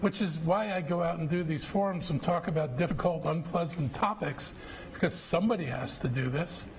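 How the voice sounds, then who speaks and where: At a public budget forum, a middle-aged county executive fields questions bluntly, combatively, and plainly. His voice is on the high side, with slight background noise.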